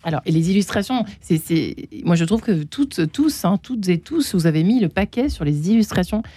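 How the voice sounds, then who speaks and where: A woman's voice: fairly low pitch, expressive, normal speed, dark tone, husky. A woman hosting a radio talk in a studio, chatty and full of enthusiasm. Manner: enthusiastic, effusive. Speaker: radio host. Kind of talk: casual studio chat.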